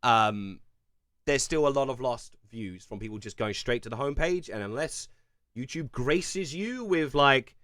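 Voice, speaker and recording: Young English streamer from Kent, casual and rambling, lively pitch, dry close recording. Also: male voice, moderate pace, no room sound. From England. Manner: rambling, chatty, lots of fillers and restarts. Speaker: streamer answering chat. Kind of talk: casual live-stream chat.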